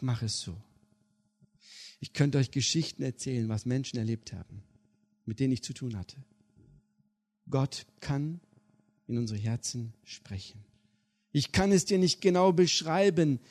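A middle-aged man preaching a sermon, telling stories and asking his listeners questions, moving between hushed, intimate passages and loud, emphatic ones. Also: medium pitch, breathy edge. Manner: addresses listeners directly with questions. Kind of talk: sermon with storytelling.

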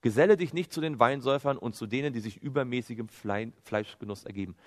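Speaking quickly in a mid-range voice, a man preaches with real animation, citing scripture as he goes. His style leans on rhetorical questions he answers himself, and the sound carries a long hall reverb.

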